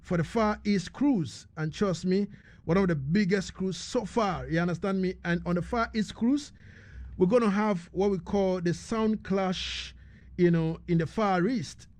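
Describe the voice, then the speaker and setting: A man's voice: sits high, measured pace, a little mellow, dry recording. A man hosting a radio interview in a studio, who often asks "you understand me?" as he talks. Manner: keeps asking "you understand me?". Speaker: radio host.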